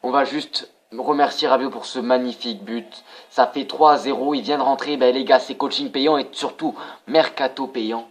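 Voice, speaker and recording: Young man, gaming commentary, casual, excitable, swears, talks straight to viewers. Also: mid-range voice, normal speed. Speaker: gaming channel host. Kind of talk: live commentary over a football video game.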